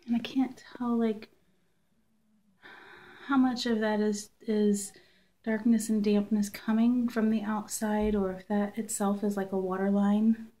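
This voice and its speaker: Slow, hesitant woman touring a basement. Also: medium pitch, steady tone, mellow. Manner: slow, hesitant, thinking aloud with frequent throat clearing. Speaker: property inspector. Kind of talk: casual walkthrough narration. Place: damp basement, indoors. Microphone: phone camera held while walking.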